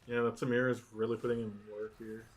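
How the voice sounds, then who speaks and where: A man's voice: medium pitch, completely flat delivery, fast. A man co-commentating live on a video game match in a casual, reactive way with lots of interjections. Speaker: esports co-commentator.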